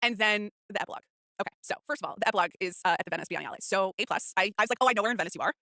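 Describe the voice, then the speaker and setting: A woman's voice: medium pitch, very fast, bright, forceful tone, no room sound, studio quality. A woman co-hosting a podcast, chatting casually about a film in a rambling way, full of false starts and filler words. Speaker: podcast co-host.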